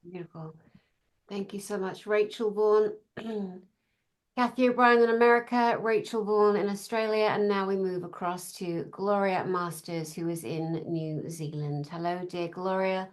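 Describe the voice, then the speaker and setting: A woman's voice: medium pitch, steady tone, moderate pace. A woman hosting a panel on a video call, graciously thanking and introducing guests. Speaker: host.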